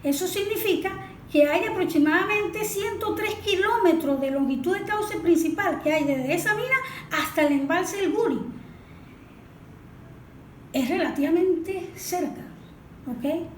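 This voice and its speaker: A watershed management specialist with a Venezuelan accent, appearing as a guest analyst, gives a didactic technical explanation and often poses rhetorical questions. Her voice is very high-pitched and measured, recorded in an echoey room with background noise.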